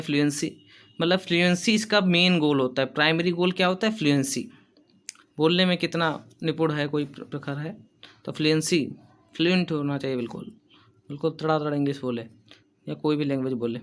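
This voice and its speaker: A male teacher giving an exam-prep lesson, reading English lines slowly and then explaining them in quick, casual Hindi. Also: on the high side, a bit bright.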